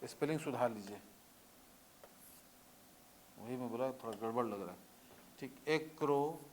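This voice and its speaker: A man's voice: medium pitch, moderate pace, a little hiss or hum. A man teaching a lecture in a conversational way, often checking that students understand with repeated questions. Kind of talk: classroom lecture.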